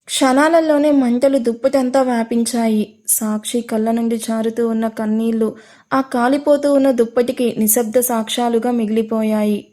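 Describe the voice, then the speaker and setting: A woman tells a dramatic audio story in a steady storytelling voice that sits a little high for a woman. She reads the scenes straight and lifts her pitch whenever a character speaks. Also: normal speed. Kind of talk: scripted narration of an audio story.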